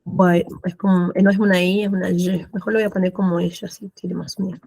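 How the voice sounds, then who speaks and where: A woman's voice: on the low side, flat delivery, vocal fry, a little mellow, no echo. A woman teaching French to adult students in Spanish with an Argentine accent, patiently repeating words and checking with "¿sí?". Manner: patient, repeats words slowly, asks "¿sí?" often. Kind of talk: classroom explanation of pronunciation.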